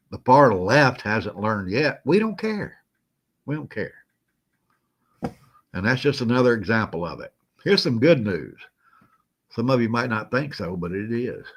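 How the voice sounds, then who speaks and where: A man's voice: on the low side, breathy edge. A man hosting a casual live stream, greeting viewers by name in a folksy, chuckling way while feeling a little unwell. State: feeling unwell, moving slow.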